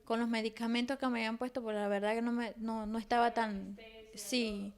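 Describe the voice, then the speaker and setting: Woman, 30s, interview guest; slightly high voice, halting, rambling storytelling. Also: little pitch movement, clean tone. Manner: rambling, many restarts and fillers. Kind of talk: personal testimony in conversation.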